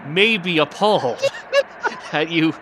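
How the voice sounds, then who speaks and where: Game music plays behind a Minnesotan-accented stream commentator who chats casually with friends, teasing and joking as he rambles on. His voice sits on the high side, and he speaks slowly and expressively over a noisy background.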